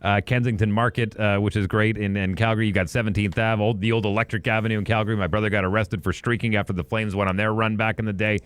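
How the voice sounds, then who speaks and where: This co-host's voice sits fairly low, with a level, clean and fairly bright tone. He's a man from Western Canada chatting about sports on a podcast in an apartment studio, rambling and reminiscing with quick asides.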